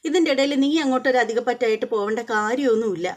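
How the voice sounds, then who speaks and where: A woman's voice: fairly high pitch, rapid-fire, lightly acted. A woman voicing a young husband who insists in a firm, lecturing way that his wife stand up for herself. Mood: firm, indignant.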